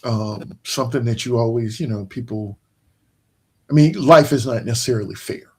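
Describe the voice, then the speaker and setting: Husky and darkish at a medium pitch, this man hosts a laid-back sports podcast. He's tired, yawning as he rambles, full of restarts and filler words, making his points in a slow, emphatic way.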